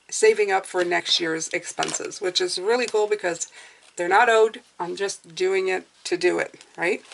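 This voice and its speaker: A woman's voice: lowish voice, a little hiss or hum, poor audio. A woman with a whistling s, talking casually through her budget as a hands-on vlogger. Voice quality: whistling s from clear aligners.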